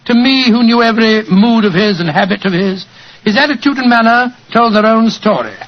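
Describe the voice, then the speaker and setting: A muffled 1940s radio drama recording carries a genial older English doctor. His voice sits high for a man. He is avuncular and hearty, a loyal friend with old-fashioned turns of phrase. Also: fairly quick. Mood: storytelling.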